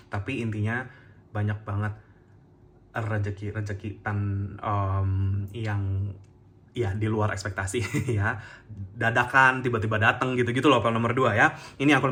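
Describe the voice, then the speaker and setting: A man giving a casual, chatty tarot reading to camera, gentle and full of fillers and soft laughs. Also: mid-range voice, a little hiss or hum. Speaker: tarot reader.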